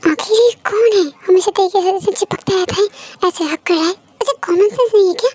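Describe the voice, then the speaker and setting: A woman's voice: very high voice, fast, a little mellow, faint music behind. A woman voicing a jealous young husband grumbling to himself and sulking. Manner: grumbling, sulky self-talk.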